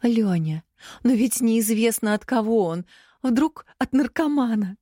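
A woman's voice: fairly high pitch, measured pace, dark tone, dry recording, voice pushed up. A timid, anxious middle-aged mother , as a woman reads her in an audiobook. She pleads in a raised, careful voice. The sound is close and dry.

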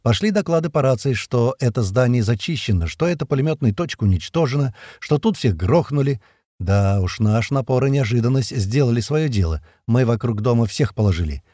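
Male narrator for a gritty action audiobook: dark, slightly raspy tone, dry close recording. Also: mid-range voice, expressive, a little fast, no room sound. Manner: vivid, tense storytelling that voices the soldiers' shouts. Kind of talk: first-person action audiobook reading.

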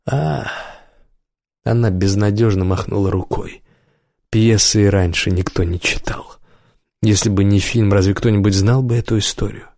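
A man voicing a drunk former stage actress in an audiobook, speaking in a dramatic, breathy, husky way that shifts between loud whispers and wistful musing. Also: steady tone, moderate pace, dry recording, clean studio sound. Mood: wistful, tipsy. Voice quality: low husky laugh, breathy hot whisper. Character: tipsy former stage actress, woman, theatrical.

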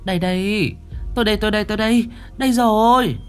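A man doing a shrill flustered village wife. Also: normal speed, faint music behind.

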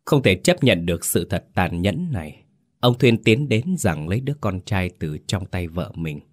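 A man narrates a ghost story in a very low voice, steady and measured. He also greets listeners as the host. The sound is dry and close, with no room echo.

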